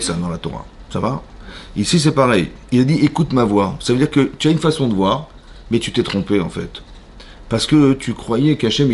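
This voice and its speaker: A man with a French accent, a rabbi giving an animated Torah class in a synagogue, questioning his listeners and acting out voices. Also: fairly low pitch, slight background noise. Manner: animated, asks the audience questions, acts out voices. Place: synagogue hall.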